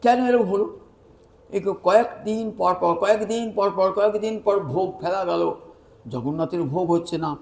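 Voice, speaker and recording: A man's voice: high voice, normal speed, gravelly. A man giving a devotional sermon as a storyteller, acting out the lines of the people in the tale. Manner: animated, acts out the dialogue of the tale. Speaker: preacher.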